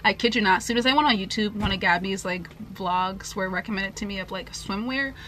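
A woman's voice: medium pitch, brisk, fairly bright tone, a little hiss or hum. A young woman in her twenties chatting casually to the camera in a home haul vlog, filling her talk with "like". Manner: chatty, filler-heavy, lots of "like". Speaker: vlogger. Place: bright room at home, indoors. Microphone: camera facing her at close range.

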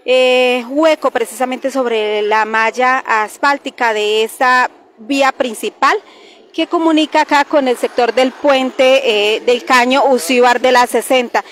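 A woman's voice: high-pitched, fairly even intonation, measured pace, a bit bright, slight background noise. Woman reporting from the roadside. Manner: hesitant, many fillers. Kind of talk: live field report. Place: roadside outdoors.

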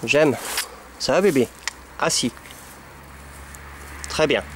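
A man, a dog breeder, coaxing and training puppies among goats with affectionate baby talk and sudden high calls. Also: animated, slow pace, fairly bright tone, slight background noise. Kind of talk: talking to puppies and goats while training them. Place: animal pen with goats.

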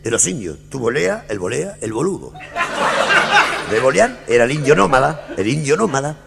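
A man's voice: mid-range voice, big pitch swings, normal speed, vocal fry, heavy background noise. A man with an Argentine accent doing crude live stand-up comedy, rambling and laughing at his own jokes. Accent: Argentine Rioplatense Spanish. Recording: live show cassette recording.

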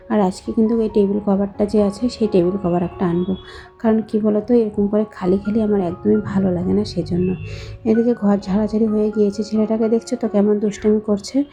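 A young woman with a hoarse voice from a cold, chatting slowly and softly to her viewers in a voice-over for her home vlog. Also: medium pitch. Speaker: vlogger, housewife.

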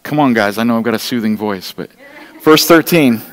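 A middle-aged pastor with a medium-pitched voice preaches briskly on a Sunday, speaking directly and earnestly to his congregation in a pleading tone. He walks the church stage with an open Bible, the large indoor room lending a long reverb.

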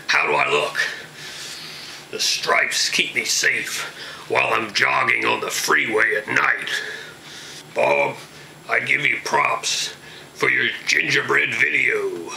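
Blustering eccentric comic caller, played by a man, very creaky, sharp, some noise behind. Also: mid-range voice, full character voice, low-quality recording. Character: gruff ranting eccentric man phoning from a motel. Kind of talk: comic character monologue.

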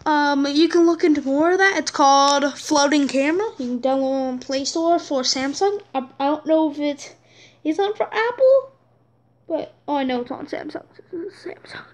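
A woman's voice: sits high, moderate pace. A woman talking through a casual app tutorial as a YouTuber, rambling and jokey, with asides muttered under her breath. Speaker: YouTuber demonstrating apps.

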